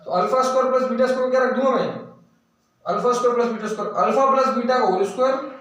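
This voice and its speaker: High-voiced teacher in an echoey room. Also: male voice, rapid-fire, a bit bright, recorded from a distance. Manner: repetitive, drills questions with "clear?" checks. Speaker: maths teacher. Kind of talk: classroom lesson explanation.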